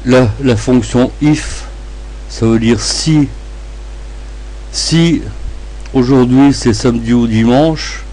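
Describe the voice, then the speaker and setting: Slow-spoken man with a slushy lisp. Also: mid-range voice, mellow, low-quality recording. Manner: halting, in short hesitant phrases. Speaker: tutorial presenter. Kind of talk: step-by-step screencast narration.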